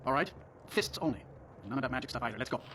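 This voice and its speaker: A man's voice: mid-range voice, expressive, rapid-fire, close to an everyday voice. An actor playing a bigoted, menacing Nord man in a video game, speaking with goading contempt. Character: hostile, bigoted Nord city tough. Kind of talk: video game character dialogue. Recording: sped-up game audio, faint outdoor noise.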